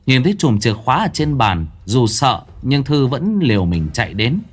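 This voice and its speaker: A man's voice: mid-range voice, sing-song, moderate pace. A man narrating a ghost story aloud in a dramatic storytelling manner.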